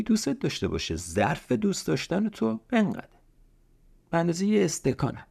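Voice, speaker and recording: A man's voice: fairly low pitch, vocal fry, darkish tone. A man hosting a self-help podcast, talking earnestly and pleading with the listener, often repeating key lines and asking rhetorical questions. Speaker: podcast host. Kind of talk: motivational self-help talk.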